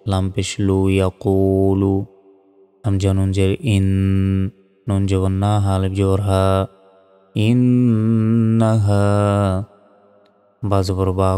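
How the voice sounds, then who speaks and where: A man teaching Quran reading, spelling out Arabic syllables one by one and then reciting the verse slowly. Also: low-pitched, warm tone, smooth, big-room sound.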